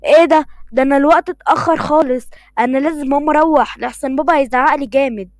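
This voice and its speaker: A woman voicing a nervous young woman with an Egyptian accent, anxious and hurried. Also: high-pitched, dry recording, natural voice. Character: sweet young woman, nervous about her strict father.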